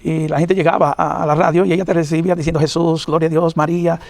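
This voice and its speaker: Fast, halting preacher man telling his testimony. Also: a little high, level tone, vocal fry, a little mellow, no echo. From New York, of Puerto Rican parents. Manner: earnest, halting, many fillers. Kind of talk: personal testimony in an interview.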